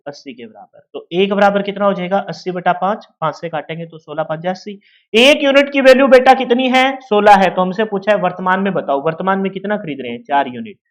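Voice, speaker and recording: A man with a high voice and a Haryanvi-tinged Hindi accent teaches an exam-prep maths lesson at a fairly quick pace. He explains using everyday shop scenarios and puts questions to his students.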